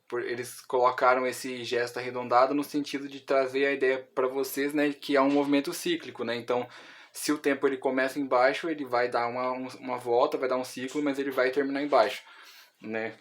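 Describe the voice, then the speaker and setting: A man's voice: medium pitch, flat delivery, a little fast. A man with a Brazilian Portuguese accent, explaining music theory in an online lesson, with many fillers and restarts.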